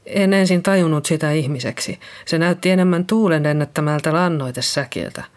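A reader voicing Liisa, a nervous middle-aged nurse who found a body and speaks in a hesitant, shaky way. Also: female voice, low-pitched, natural voice. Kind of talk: audiobook reading.

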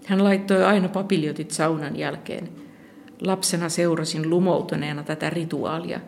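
A narrator reading a first-person literary story aloud in a calm, measured way. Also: medium pitch, creaky, slight background noise. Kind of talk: scripted audiobook narration of literary fiction.

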